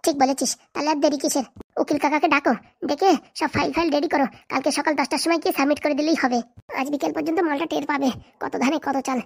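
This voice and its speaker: A woman voices a scheming, foul-mouthed cartoon mother with a high voice who fires off scolding lines at great speed. She plots greedily and berates everyone around her. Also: fairly even intonation, fast, creaky.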